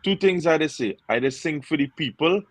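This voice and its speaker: A man's voice: a little high, animated, brisk, poor audio. A man from Trinidad, a singer chatting as a guest in an easygoing way with lots of fillers. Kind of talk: casual interview chat.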